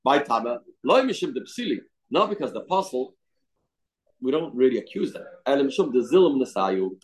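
Man, mid-pitched voice, informal religious teaching, reads then explains, repetitive phrasing, rhetorical questions. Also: sing-song, a little fast, rough recording. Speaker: Torah teacher. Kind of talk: informal religious lesson, reading a text and explaining it.

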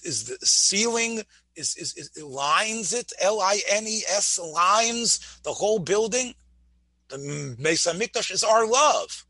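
A man's voice: high-pitched, sharp tone, husky, no echo. A man teaching a Torah class, often restarting words, asking his listeners questions and mixing Hebrew phrases into his English. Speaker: rabbi lecturer.

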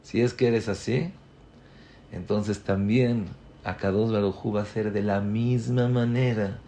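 A man giving a Torah lecture as a rabbi, building to loud emphatic peaks and acting out the people he quotes. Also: fairly low pitch, steady tone, a little slow.

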